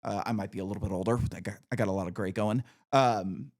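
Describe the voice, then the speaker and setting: A podcast host in his thirties speaks quickly with a fairly low voice. He keeps the conversation casual, chatty and opinionated, leaning heavily on "like" and "you know."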